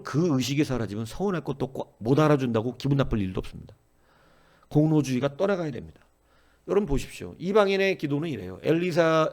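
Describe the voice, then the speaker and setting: A male pastor preaches at a dawn service with a gravelly, creaky voice at a middle pitch. He exhorts earnestly and keeps turning to the congregation. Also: a little mellow.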